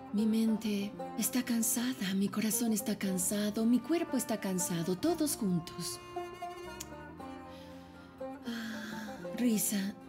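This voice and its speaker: Una esposa agotada y resignada. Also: female voice, fairly high pitch. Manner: sighing, resigned. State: weary. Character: tired working-class wife, worn out. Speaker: wife. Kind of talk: dubbed drama.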